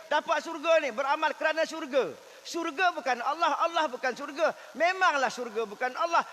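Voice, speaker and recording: A man preaching a sermon with a Malaysian Malay accent. His voice sits very high and sounds bright and sharp. It carries a long reverb, as in a hall. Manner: rhetorical questions, acts out prayers softly.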